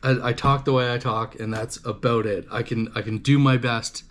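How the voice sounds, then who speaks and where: A man's voice: mid-range voice, steady tone, moderate pace. A man from Canada casually chatting to his livestream viewers, rambling and swearing, with lots of fillers and restarts. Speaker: livestream host. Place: home livestream setup.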